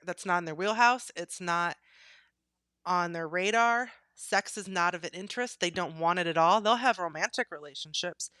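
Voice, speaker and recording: A woman's voice: fairly low pitch, pushed and bright, no room sound, clean studio sound. A woman hosting a podcast, talking candidly and laughing easily in casual chat. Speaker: podcast host.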